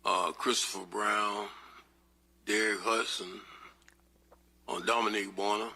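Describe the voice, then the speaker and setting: A man's voice: lowish voice, steady tone, a little slow, bright, forceful tone, breathy edge. A man in his fifties testifying as a witness, heard on a distant courtroom recording, giving short, hesitant answers. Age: 50s. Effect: courtroom recording, distant mic.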